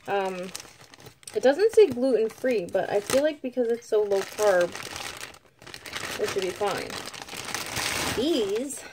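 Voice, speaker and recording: A woman's voice: medium pitch, dark tone, a little hiss or hum. A woman giving a casual product review at home, chatty and rambling with lots of fillers, sometimes talking while eating. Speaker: vlogger reviewing food.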